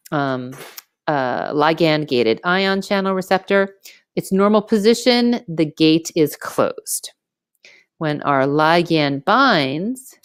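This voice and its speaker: A woman giving an informal screen-recorded lecture as a teacher, explaining step by step in casual, colloquial language and often checking in with a quick okay. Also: lowish voice, no echo, clean studio sound. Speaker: biology teacher. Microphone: close mic on a screen recording.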